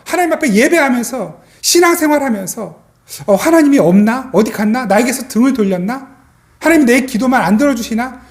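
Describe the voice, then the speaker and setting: A pastor delivering a Sunday sermon, stressing points with repeated parallel phrases and rhetorical questions to the congregation. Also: high voice.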